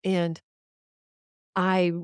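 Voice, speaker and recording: A woman's voice: lowish voice, monotone, very slow, clean tone, dry recording, studio quality. A middle-aged woman chatting candidly as a podcast guest, rambling and swearing freely, often laughing. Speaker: podcast guest, musician and writer. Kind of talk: casual conversation.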